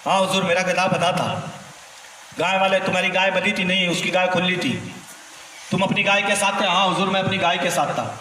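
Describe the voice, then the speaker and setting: A man acting out a stern, commanding wise judge within a sermon, with sharp rebukes. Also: high voice, steady tone, slight background noise. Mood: questioning. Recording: echoey hall from far off.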